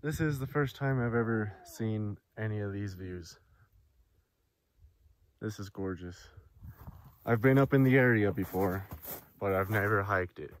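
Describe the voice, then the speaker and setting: Male outdoor vlogger, lower voice, easygoing and chatty on the trail. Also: unhurried, pauses often, slight background noise. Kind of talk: casual hiking vlog.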